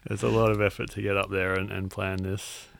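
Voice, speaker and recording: Low, gravelly Australian man interviewing casually. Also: flat delivery, brisk, a bit bright, dry recording.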